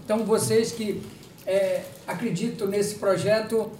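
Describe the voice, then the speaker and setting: A man hosting a live talk show, jovial and chatty, giving sponsor shout-outs. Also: high-pitched, steady tone, measured pace, reverberant, far from the mic, slight background noise. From Brazil. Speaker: host.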